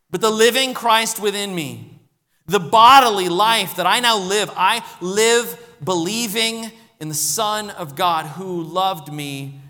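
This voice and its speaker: A man preaching a sermon as pastor, earnestly, rising to loud emphasis and dropping to hushed appeals. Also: high voice, big-room sound.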